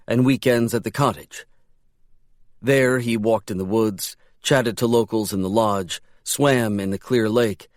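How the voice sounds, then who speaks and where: A man reading a short story aloud as an audiobook narrator in a calm, even storytelling manner. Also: lowish voice, no room sound, clean studio sound.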